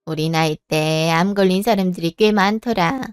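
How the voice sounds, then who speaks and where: A woman's voice: fairly low pitch, moderate pace, clear, resonant tone, no room sound, clean studio sound, soft background music, lightly acted. Firm, caring older mother-in-law played by a woman. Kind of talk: Korean drama voice acting.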